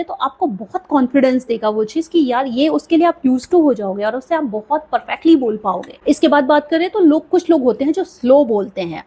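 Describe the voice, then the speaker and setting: A young woman with a slightly high, husky voice gives encouraging tips on speaking well. She talks to her viewers conversationally and keeps checking in with them as she explains. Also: warm tone. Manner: encouraging, conversational, frequent "theek hai" check-ins. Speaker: speaking coach, video creator. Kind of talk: motivational tips talk to camera.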